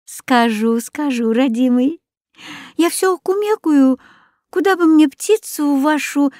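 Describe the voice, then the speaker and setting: A woman's voice: sits high, takes it slowly, a little mellow, no room sound, clean studio sound, voice pushed up. A woman voicing a kindly, poor, half-blind old village woman who talks in a homely, fussing way.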